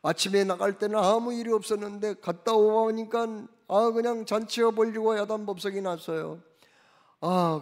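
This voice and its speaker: A male pastor preaching a Sunday sermon, emphatic, with rhetorical questions and sudden swings in loudness. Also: high voice, vocal fry. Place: church sanctuary. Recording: reverberant church hall.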